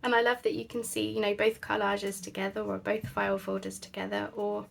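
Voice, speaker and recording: Chatty woman with a gravelly edge. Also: medium pitch, level tone, brisk, slight background noise. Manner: chatty, thinks aloud with many fillers. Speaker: crafting channel host. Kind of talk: casual crafting chat.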